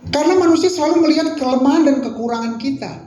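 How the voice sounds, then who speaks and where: A middle-aged male pastor preaching a sermon, swinging between loud, fervent appeals and quiet reflection. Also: very high-pitched, fast talker. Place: prayer meeting hall. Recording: echoey hall with music behind.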